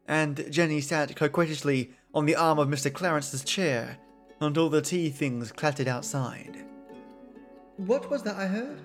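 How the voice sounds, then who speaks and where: A man reading a classic story aloud in measured, dramatic storytelling narration. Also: on the high side.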